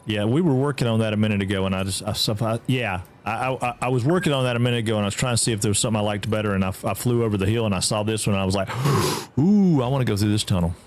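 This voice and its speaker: This Georgia streamer races along with few pauses, chatting casually in a Southern drawl as he plays a game live. He reads the chat out loud, answers it, and his voice leaps higher whenever he gets excited.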